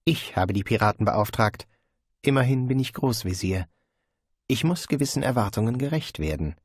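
A man voicing a scheming male grand vizier who speaks low and cool with quiet menace. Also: expressive, normal speed, breathy edge, no room sound, clean studio sound. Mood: smug.

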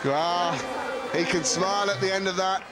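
A man's voice: sits high, moderate pace, a loud crowd. Amused man commentating on skiing. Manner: amused, laughing, excitable. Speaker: ski commentator. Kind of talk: live sports commentary.

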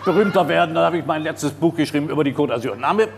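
A man's voice: fairly high pitch, fast talker, vocal fry. A man as a talk show guest, boastfully telling a rambling anecdote and constantly saying "listen up" to himself. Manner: boastful, keeps interrupting himself with "pass auf". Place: TV studio with live audience. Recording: studio audience laughter and room noise.

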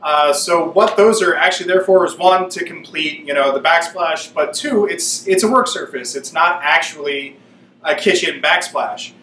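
A man's voice: fairly high pitch, normal speed, sharp tone, slight background noise. Upbeat man vlogging in an echoey room. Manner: chatty, upbeat, explains as he works. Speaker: shop owner filming a renovation. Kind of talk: casual how-to vlog. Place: shop workroom with low ceiling, indoors. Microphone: on-camera mic, camera at arm's length or set on a stand. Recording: roomy echo.

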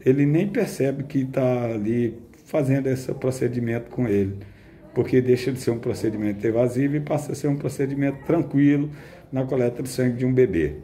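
A man drawing blood from an infant, talking calmly and explaining the technique to viewers. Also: medium pitch, brisk. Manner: soothing a crying baby, coaxing and prayerful. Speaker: phlebotomist. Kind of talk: instructional narration while working. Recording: echoey room, loud noise, baby crying. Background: crying baby.

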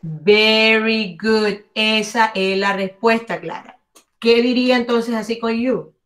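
A woman's voice: fairly high pitch, fairly even intonation, takes it slowly, a bit bright. A woman teaching an online English class, cheering students on and exaggerating English sounds for them to copy.

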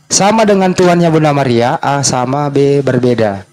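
A man's voice: medium pitch, expressive, moderate pace, a little mellow, rough recording. A man in a heated religious debate, insistently repeating his questions and cutting in on the other speaker.

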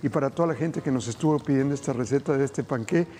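This cooking demonstration features a middle-aged host on a TV studio kitchen set who talks fast in a mellow, mid-range voice. He's enthusiastic, speaks straight to viewers, and cheerfully guides them through a recipe.

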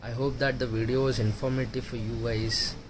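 Guy doing an excited vlog voiceover, punchy emphasis, air con humming behind. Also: mid-range voice, fairly quick, background noise. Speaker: vlogger. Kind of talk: enthusiastic vlog voice-over.

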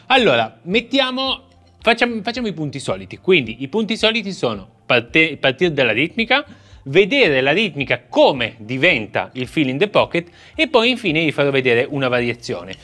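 Man, drum teacher, animated, counts beats and sings out rhythms, bright tense tone. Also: a little high, normal speed. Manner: explains step by step, counts aloud and vocalizes rhythms. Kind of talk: casual video drum lesson.

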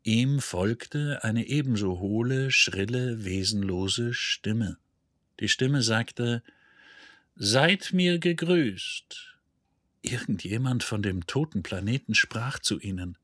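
A man narrating an audiobook in an even, measured storytelling manner. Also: fairly low pitch, no echo, clean studio sound. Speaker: audiobook reader. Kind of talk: scripted narration.

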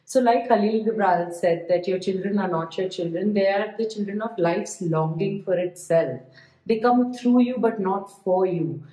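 A woman's voice: mid-range voice, normal speed, mellow. A woman co-hosting a podcast, talking reflectively and agreeably with frequent fillers. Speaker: podcast co-host and parenting coach. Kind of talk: casual podcast chat. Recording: roomy, echoey sound.

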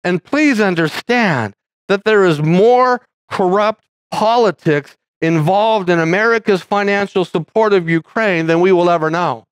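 A man's voice: high-pitched, unhurried, clear, resonant tone, no echo. Conversational male pastor, dry sound. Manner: conversational, rambling with frequent restarts. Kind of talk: sermon.

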